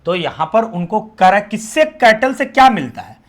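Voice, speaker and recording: Animated Bihari man quizzing his students. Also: high-pitched, moderate pace. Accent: Bihari Hindi. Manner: quizzing, repeats answers as questions; drops to near-whisper on answers. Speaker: teacher. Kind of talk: exam-prep lesson.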